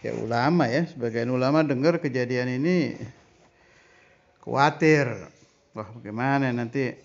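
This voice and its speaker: A man leading a Ramadan study lesson, reading Arabic passages slowly and then explaining each one in plain everyday speech. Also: mid-range voice, lo-fi sound. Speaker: religious teacher.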